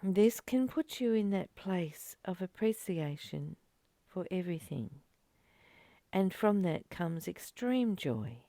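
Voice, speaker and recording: Speaking in a fairly low voice with big swings in pitch, this woman reads and reflects on spiritual teaching. Her phrases are short, earnest and gently urging, separated by pauses, and there's no room sound.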